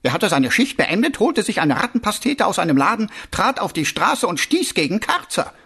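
An earnest, dutiful young watch captain, as a male reader puts him on, reporting in formal, correct phrases. His voice rides well above the narration with a husky edge and a lively rise and fall, in a storybook reading. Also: high-pitched, normal speed, voice pushed up, exaggerated voice. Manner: dutiful, formal, addresses superior as sir.

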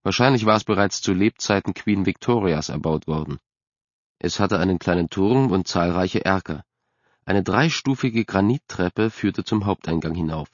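A man reading a story aloud in a steady, measured way as an audiobook narrator. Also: sits low, no room sound. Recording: dry, slightly dull recording.

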